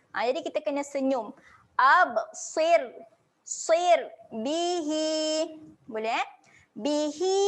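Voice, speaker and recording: A Malaysian woman teaching Quran recitation in an online class over a video call, patiently explaining each sound step by step and chanting slow, drawn-out model readings. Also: high voice.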